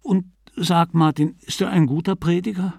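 A man reading an ailing, touchy middle-aged Dublin man in a raised, animated voice. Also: high-pitched, normal speed, creaky, slightly rough, no room sound, clean studio sound, pitched above the performer's own voice, full character voice. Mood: reminiscing.

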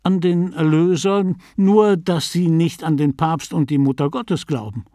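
A man's voice: fairly high pitch, a little slow, warm tone, no room sound, clean studio sound, voice pushed up, natural voice. A man reading an earnest, pious middle-aged Dublin man who speaks a little hesitantly.

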